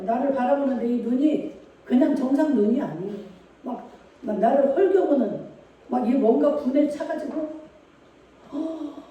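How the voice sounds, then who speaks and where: Warm-voiced woman preaching in an echoey hall. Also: high voice, highs cut off. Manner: emphatic, asks the congregation rhetorical questions. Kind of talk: sermon. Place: church sanctuary. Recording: echoey church hall, mic far off.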